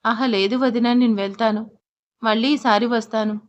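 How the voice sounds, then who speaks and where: A woman's voice: a little high, steady tone, moderate pace, lightly acted. A woman voicing an ashamed middle-aged mother who speaks in an apologetic, subdued way in an audio drama.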